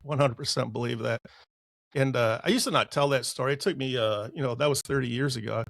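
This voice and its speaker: A man in his sixties, a podcast guest, telling a personal story in a casual, animated and emotional way. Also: medium pitch, fairly quick, gravelly, no room sound. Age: 60s.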